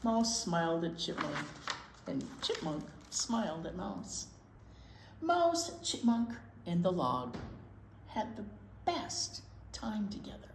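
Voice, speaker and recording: A woman with a lowish, sing-song voice reads a picture book aloud at a slow pace, a children's librarian hosting storytime. She exclaims playfully and comments on the pictures in chatty asides, and the recording has a roomy echo with some background noise.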